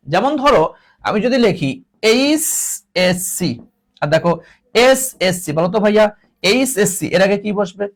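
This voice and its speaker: This man from Bangladesh has a high, creaky voice. He teaches an English grammar class, repeating every word and playfully scolding his students.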